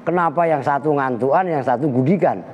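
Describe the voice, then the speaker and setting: Man teaching a religious text. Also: a little high. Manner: jokey and animated, mimics animal sounds, chants Arabic slowly. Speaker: Islamic boarding school teacher. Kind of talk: kitab lesson with Arabic recitation. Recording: long reverb with faint ambient noise.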